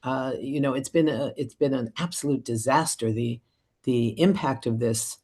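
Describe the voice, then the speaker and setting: A woman's voice: rumbling low, moderate pace, dark tone, breathy edge. A woman political analyst giving long, fluent answers in a radio interview, with occasional fillers.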